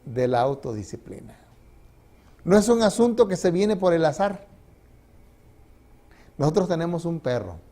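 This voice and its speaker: A man's voice: a little high, big pitch swings, normal speed, long pauses, warm tone. A middle-aged man, a pastor preaching a sermon in a church and often asking the congregation questions. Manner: conversational, asks the congregation questions and laughs. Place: church sanctuary.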